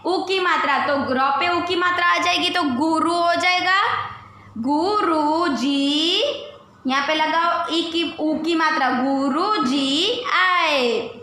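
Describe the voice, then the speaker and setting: A woman teaching young children a Hindi lesson, stretching out each syllable slowly and asking them to repeat. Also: very high-pitched, steady tone, pushed and bright, very echoey. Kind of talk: primary school Hindi lesson. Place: school classroom.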